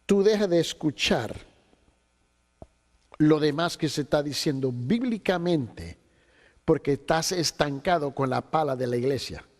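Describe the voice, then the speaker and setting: A man's voice: a little high, expressive, unhurried, long pauses, darkish tone. A man teaching a theology class to pastors, telling a story with acted-out dialogue and slipping in English words. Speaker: theology instructor. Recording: long hall reverb.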